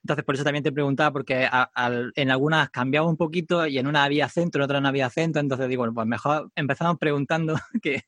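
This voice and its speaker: A man's voice: medium pitch, steady tone, quick pace, few pauses, fairly bright tone, dry recording, studio quality. A man hosting a podcast interview, asking questions in a hesitant way. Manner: hesitant, with many fillers and restarts when asking questions. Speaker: podcast host.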